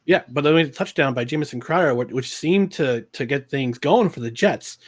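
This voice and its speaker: One co-host of a casual football reaction podcast speaks briskly at a medium pitch. He recaps the plays with mock exasperation.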